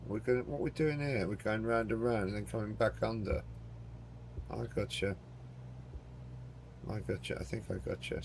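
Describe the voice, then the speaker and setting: A game streamer with a gruff, fairly low voice full of fry gives loose, joking commentary on his flight simulator session, cursing now and then. He mutters to himself and talks to his chat while the plane's engines roar loudly underneath.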